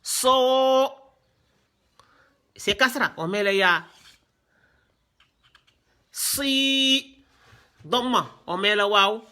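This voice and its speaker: A man's voice: high voice, bright, forceful tone. A man from Senegal teaching a Quran reading lesson in Senegalese-accented French, stretching out syllables and asking "hein?" to check on his class. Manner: drawn-out syllables, frequent "hein?" prompts. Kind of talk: slow classroom lesson with repetition.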